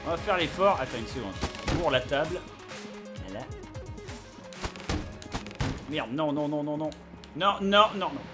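A man giving live gameplay commentary as a let's play host, excitable, yelping and swearing at the action, with game music behind him. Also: fairly high pitch, a little slow, pauses often.

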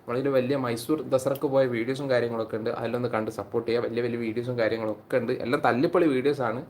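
A man's voice: medium pitch, fairly even intonation, rapid-fire, darkish tone, slight background noise. A man, hosting a casual live stream on his phone and chatting with viewers by name. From Kerala, India. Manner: chatty, greets viewers by name and reads their comments aloud.

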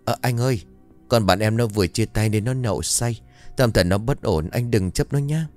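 A man's voice: on the low side, moderate pace, a little mellow, faint music behind, natural voice. A man voicing a nervous young woman who apologizes and pleads, in a storytelling reading. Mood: apologetic. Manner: pleading, placating.

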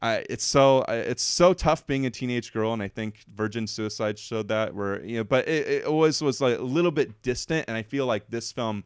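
A man's voice: medium pitch, normal speed, hardly any pauses, clean tone, no echo, clean studio sound. A man co-hosting a podcast, chatting casually and emotionally about a film, with lots of fillers. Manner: rambling, emotional, filler-heavy. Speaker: podcast co-host. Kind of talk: casual film review chat.

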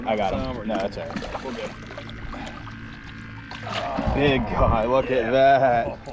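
On a small boat over open shallow flats, a fishing guide records his charter with a head-mounted action camera, narrating catches excitedly and laughing often. He speaks slowly at a medium pitch in casual on-camera commentary. Music plays in the background alongside outdoor wind and water noise.

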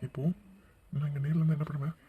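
A woman's voice: low voice, flat delivery, very fast, phone-quality sound, over music, voice pushed down, natural voice. A woman voicing a playful young man who coaxes and teases his sleepy sweetheart in a cartoon. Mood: coaxing. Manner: playful, coaxing, insistent. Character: teasing young man, the heroine's lover. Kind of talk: cartoon voice acting.

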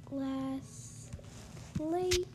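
A young woman, a gaming YouTuber, gives a casual tour of a house she built in a game, her speech full of ums and likes. Allergies leave her voice congested and stuffy; it is high-pitched, she draws out her words, and the background is noisy.

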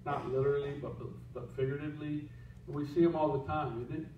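High-voiced joking preacher in an echoey church. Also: male voice, level tone, fast, far from the mic, a little hiss or hum. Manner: casual, joking, with asides to the slide operator. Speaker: pastor. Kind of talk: sermon. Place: church sanctuary. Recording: echoey church heard from afar, dull.

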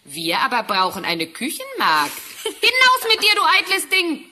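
A woman's voice: mid-range voice, huge pitch swings, unhurried, pushed and bright, slight background noise, heavily acted. A woman playing a vain, cruel young stepsister in a fairy tale audio drama, bossy, taunting and gloating. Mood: scornful.

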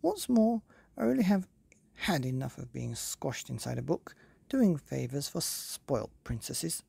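A woman's voice: low voice, sing-song, unhurried, vocal fry, warm tone, breathy edge, no room sound, heavily acted. A woman voicing a vain, easily flustered fairy godmother in a storybook, prim and chattering. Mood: chatty. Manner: prim, chattering, self-absorbed.

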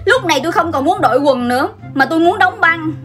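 A young woman, telling a comic childhood story in an animated, dramatic way. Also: very high voice, fast, over music. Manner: animated and dramatic, acts out scenes. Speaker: vlogger.

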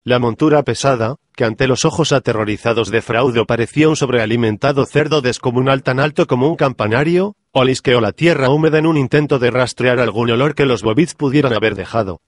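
A man reading a comic parody audiobook in an even, measured scripted narration. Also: medium pitch, no room sound.

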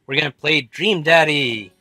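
Bright-toned playful man co-hosting a game. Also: on the high side, moderate pace, dry recording, clean studio sound. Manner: playful, giggly, teasing. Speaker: let's-play co-host. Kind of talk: casual gameplay chat.

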